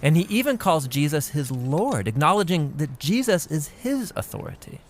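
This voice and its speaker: A man with a fairly high voice and big pitch swings talks at normal speed. As co-host of an educational Bible video series, he offers scripted but conversational, emphatically phrased explanations over clear background music, with slight background noise.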